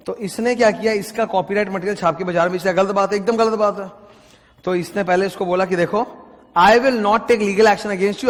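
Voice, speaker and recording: High-voiced man teaching. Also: in a large hall. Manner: dictates definitions slowly, checks understanding. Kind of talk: lecture.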